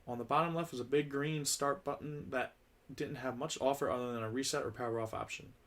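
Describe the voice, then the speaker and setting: A man reads a script aloud in a casual, joking read-through. His voice sits at an ordinary middle pitch, and he often stumbles and restarts his lines. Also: steady tone, quick pace, a bit bright. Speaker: script reader.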